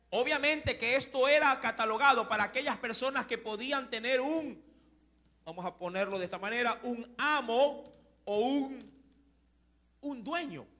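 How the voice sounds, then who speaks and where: A man preaching a sermon, explaining Greek words and asking his listeners rhetorical questions in a slow, deliberate way. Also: extremely high pitch, sharp tone. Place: church.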